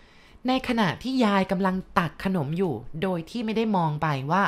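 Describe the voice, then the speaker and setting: A woman's voice: medium pitch, a little fast. A woman telling a ghost story in a casual, chatty way, adding asides to her listeners.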